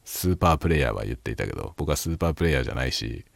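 A middle-aged man chatting alone in a quiet, hushed late-night voice, reflective and self-deprecating. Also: rumbling low, expressive, very fast, creaky, no echo. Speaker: YouTube host. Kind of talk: casual late-night solo chat.

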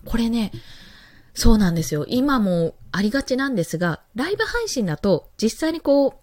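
A woman's voice: fairly high pitch, very animated, normal speed, darkish tone, dry recording. A young woman hosting a casual live stream, chatty and laughing often, talking into a handheld mic. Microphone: handheld mic, moved around.

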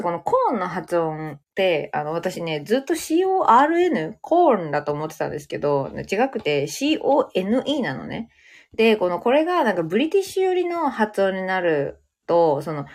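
A woman, chatting casually in a solo podcast diary and slipping into English phrases now and then. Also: fairly low pitch. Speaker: podcast host.

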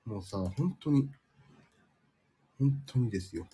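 Hosting a casual live stream from home, this man speaks slowly in a warm, slightly rough mid-range voice with lively intonation. A cold leaves him a bit nasal, and his chat with listeners is sleepy, rambling and self-deprecating.

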